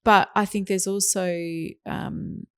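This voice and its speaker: A woman explaining parenting in a gentle, earnest conversational way as an interview guest, sometimes voicing short quotes of parents and children. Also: medium pitch, level tone, takes it slowly, clear, resonant tone, dry recording, studio quality. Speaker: podcast guest, parenting educator.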